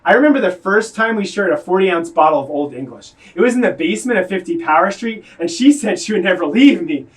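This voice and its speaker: A man's voice: sits high, animated, quick pace, few pauses, far from the mic. A man performing his own spoken word poetry live, with an earnest, confessional delivery.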